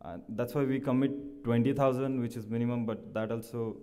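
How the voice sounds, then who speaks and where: A startup presenter, a man with a dark, relaxed tone, answers judges in a halting, explanatory way. His English is slightly non-standard. The long reverb of a large hall surrounds him. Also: mid-range voice. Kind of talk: answering judges' questions at a pitch competition.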